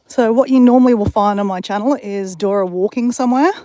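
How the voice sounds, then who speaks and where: An Australian woman vlogger chats casually to her channel while out on a walk, her medium-pitched voice brisk and mellow. She rambles, full of fillers and restarts.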